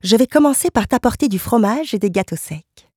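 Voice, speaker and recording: A woman's voice: on the high side, expressive, a little fast, dark tone, slightly rough, no echo, clean studio sound, voice pushed up. A woman reading an audiobook and voicing a sweet, doting pregnant young wife who is eager to please. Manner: eager and solicitous.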